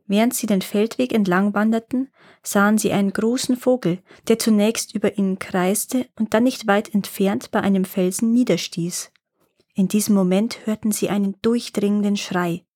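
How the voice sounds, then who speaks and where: A woman narrating a fairy tale in a calm, measured storybook reading. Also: medium pitch, no echo, clean studio sound.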